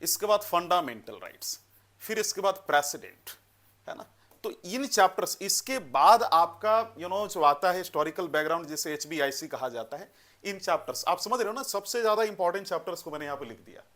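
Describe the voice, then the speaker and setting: Man, coaching lecture, slightly high voice, instructive, mixes English terms. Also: lively intonation, fairly quick, a bit bright. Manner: instructive, mixes English terms into Hindi, frequent "है ना" and "you know". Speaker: exam coaching teacher. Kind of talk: exam prep lecture.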